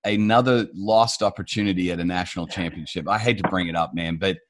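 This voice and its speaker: A man's voice: low-pitched, fast. Upbeat Australian man hosting a podcast. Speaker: podcast host. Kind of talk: podcast interview.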